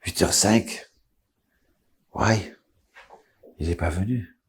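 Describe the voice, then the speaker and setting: Husky rabbi telling a dramatic story. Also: male voice, low-pitched, extremely slow. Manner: dramatic, drops to a hush.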